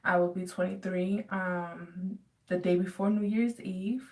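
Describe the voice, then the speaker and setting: A woman's voice: fairly low pitch, little pitch movement, measured pace, darkish tone. Chatty young woman, distant mic. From United States. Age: 20s. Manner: chatty, rambling with many ums and likes. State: dry throat. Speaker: vlogger. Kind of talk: casual Q&A vlog. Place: home.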